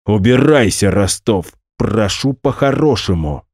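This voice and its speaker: A man's voice: fairly low pitch, animated, measured pace, creaky, darkish tone, pitched above the performer's own voice, exaggerated voice. A man doing a furious school director. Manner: barking, trembling with rage. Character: angry middle-aged male school director.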